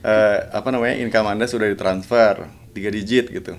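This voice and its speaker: A man hosting a casual podcast chat. He talks in a relaxed, easygoing way and often pauses on fillers. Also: fairly low pitch. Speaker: podcast host.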